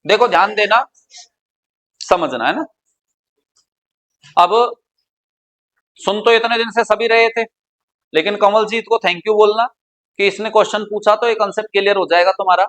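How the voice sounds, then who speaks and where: Middle-aged male teacher, high voice, bantering and mixing two languages in a class recording. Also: normal speed, pauses often, a bit bright, low-quality recording. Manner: teasing, addresses students by name, mixes Hindi and English. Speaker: English grammar teacher. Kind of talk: classroom lecture.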